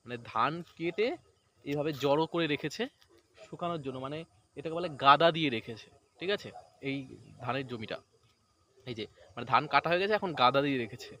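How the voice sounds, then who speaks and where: A man's voice: mid-range voice, sharp tone, a little hiss or hum. A man, chatting casually in a vlog outdoors beside a paddy field. He rambles and keeps checking in with "right?". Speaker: vlogger.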